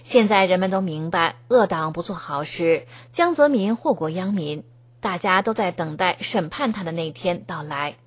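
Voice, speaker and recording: A woman reading scripted news narration in an even, formal tone. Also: on the low side, moderate pace, husky. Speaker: news reader.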